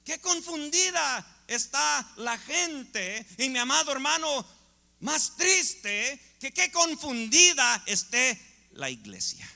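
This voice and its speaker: A male pastor delivers an impassioned sermon at a slow, deliberate pace. His voice sits very high, bright and gravelly. A long hall reverb trails every phrase. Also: animated. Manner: impassioned preaching, swings from loud to hushed. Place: church sanctuary.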